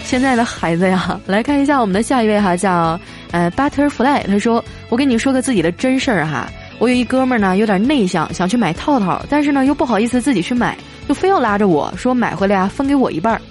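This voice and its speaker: Casually reading listener jokes on her show, a woman host is chatty and playful and laughs at the punchlines. Her fairly high voice is animated and quick, with few pauses, over faint background music.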